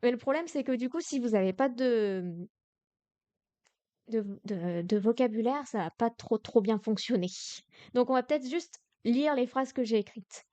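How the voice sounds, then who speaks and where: French woman, young, tired voice, patient step-by-step explaining, somewhat high, dry close mic. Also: unhurried, dark tone, dry recording, highs cut off. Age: young adult. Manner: tired, patient explaining with many ums and restarts. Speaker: Korean language teacher streaming live. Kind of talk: live-stream grammar lesson.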